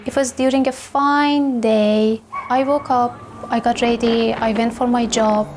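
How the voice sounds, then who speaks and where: A woman in her twenties from Afghanistan, recounting her own experience in a measured, reflective way with hesitant fillers. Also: on the high side, fairly even intonation. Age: 20s. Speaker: documentary interviewee. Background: music.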